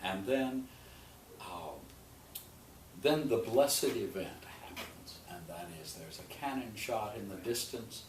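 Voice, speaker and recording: Man, very low voice, opera director, expressive storytelling, slows for emphasis, roomy echo. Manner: expressive storytelling, slowing on key images. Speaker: opera general and artistic director. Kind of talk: explaining an opera plot in an interview. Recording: echoey room, distant mic, noisy.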